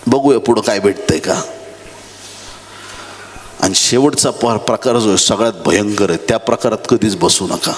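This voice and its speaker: A man preaching a dramatic sermon in a church, dropping to low murmurs and rising to high shouted appeals. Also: normal speed, long pauses. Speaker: pastor. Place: church hall. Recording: echoey hall with faint background noise.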